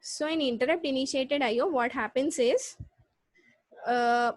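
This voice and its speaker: A woman with a South Indian accent teaching a live online class, explaining step by step with repeats and halting restarts. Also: high voice, no echo, studio quality. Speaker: computer science lecturer. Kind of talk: live online lesson with check questions.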